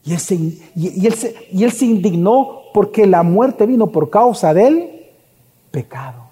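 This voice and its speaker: A man preaches a sermon, pressing his listeners with question after question. His voice sits high yet sounds mellow and husky, trailing a long reverb as if filling a large church hall. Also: expressive, unhurried. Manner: preaching with rhetorical questions to the congregation. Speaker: pastor.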